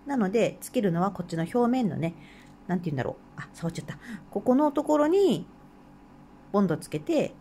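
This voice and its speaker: A woman with a Hokkaido Japanese accent talks through a craft tutorial in a casual, chatty way. Her voice is mellow and her pitch moves around a lot. She laughs often and murmurs quietly to herself between steps. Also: slight background noise. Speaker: craft channel host.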